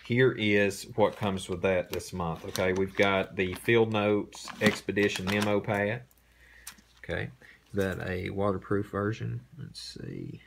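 Deep-voiced man, rambling unboxing. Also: a little slow, gravelly, slight background noise. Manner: relaxed, rambling with many fillers. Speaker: host. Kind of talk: casual product unboxing. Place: indoor room.

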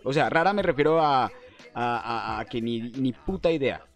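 A man's voice: mid-range voice, expressive, normal speed. A young man with a Colombian Spanish accent giving casual, slangy, playful commentary as a gaming streamer, speaking close to a desk mic. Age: young adult. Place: indoor room at a desk. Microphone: desktop microphone close in front.

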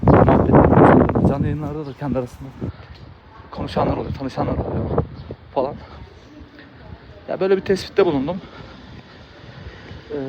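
A man's voice: on the high side, muffled recording. A man who makes videos, talking in a loose, rambling way with frequent laughs and restarts. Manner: chatty, laughs often, many fillers and restarts. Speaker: video creator. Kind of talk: casual rambling monologue.

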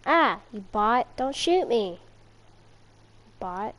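A woman's voice: fairly high pitch, big pitch swings, extremely slow, a bit bright. A woman in casual, playful banter while playing a video game, often laughing. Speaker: gamer. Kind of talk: casual gaming chat.

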